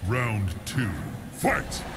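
A man playing a menacing fighting game announcer, booming out dramatic calls over loud music. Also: animated. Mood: commanding, dramatic. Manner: slow, booming, dramatic delivery.

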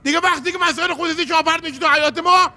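A man's voice: very high voice, fairly even intonation, sharp tone, exaggerated voice. A man voicing a fussy, indignant male puppet neighbor who complains sarcastically in a TV puppet comedy.

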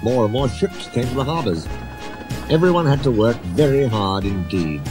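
A man reading a children's story aloud in a measured, expressive way. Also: medium pitch, over music. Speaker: narrator.

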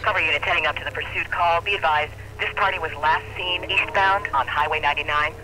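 A man's voice: a little high, fairly even intonation, fast talker. A man voicing a police dispatcher, heard over a police radio with a clipped, procedural delivery. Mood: brisk. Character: male police dispatcher calling a chase. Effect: police radio transmission. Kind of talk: video game police radio chatter. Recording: police radio over loud car game noise.

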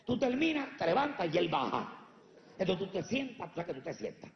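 A man's voice: sits high, sing-song, fairly quick, vocal fry, roomy sound, long reverb tail, highs cut off, a little hiss or hum. A man from Puerto Rico with a Puerto Rican accent doing brash, profane stand-up comedy before a live audience, teasing the crowd. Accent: Puerto Rican Spanish.

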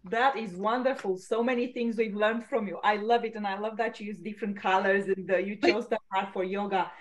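A woman from Romania, leading an online class and warmly praising students' work. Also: medium pitch, fairly even intonation, a little fast. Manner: upbeat, encouraging, lavish with praise. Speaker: language teacher.

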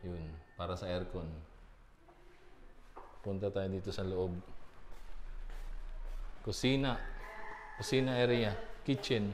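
A man's voice: low-pitched, steady tone, background noise. Chatty man giving a walking tour. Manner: chatty, with many fillers and pauses. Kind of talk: casual vlog tour narration. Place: small empty building, indoors and street. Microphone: phone camera held at arm's length.

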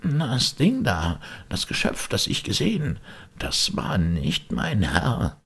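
A man voicing a loyal, frightened old male servant in an audiobook, speaking in a hushed, anxious, pleading way with a raspy voice. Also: on the low side, huge pitch swings, measured pace, voice pushed up, full character voice. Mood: fearful. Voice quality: gravelly, raspy. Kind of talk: audiobook character reading.

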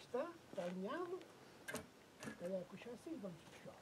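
A man's voice: high voice, very animated, fairly quick, noisy background. Portuguese man explaining a DIY job. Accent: European Portuguese. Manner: patient step-by-step explaining, occasional hesitations. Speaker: kayak fishing channel host. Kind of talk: DIY how-to narration. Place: outdoors on a lakeshore.

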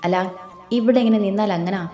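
A woman's voice: mid-range voice, fairly quick, warm tone, highs cut off, soft background music, close to an everyday voice. A woman voicing a cheeky young man who jokes in a mock-serious way. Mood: joking. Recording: echoey room.

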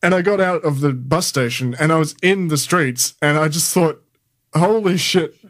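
A man's voice: on the high side, moderate pace, a bit bright. Giggly rambling Australian man. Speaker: podcast co-host. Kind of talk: casual chat.

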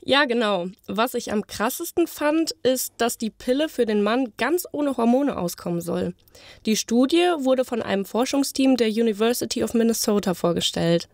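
A young woman co-hosting a student podcast, presenting in a clear, scripted way. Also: on the high side, lively intonation, moderate pace, darkish tone, dry recording, studio quality. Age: young adult. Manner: clear, read-from-script delivery. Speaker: podcast co-host, journalism student.

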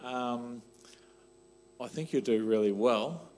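A middle-aged Australian man, a leader in his church, interviews a young member onstage in a large hall through a handheld mic. He speaks slowly in a medium-pitched, slightly mellow voice, conversationally dropping in "um" and "sort of".

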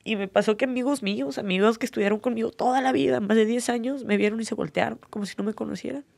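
Gravelly young Mexican woman, earnest. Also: fairly high pitch, fairly even intonation, quick pace, a little mellow, dry recording. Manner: earnest, emotional storytelling with many fillers. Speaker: MMA fighter guest. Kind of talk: candid personal interview.

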